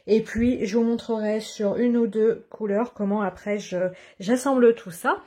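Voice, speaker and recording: A woman with a slightly husky voice talks through her craft in a relaxed, chatty way. She explains step by step, filling pauses with small hesitations. It is a casual tutorial recorded at her desk at home. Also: on the high side. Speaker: watercolor craft vlogger.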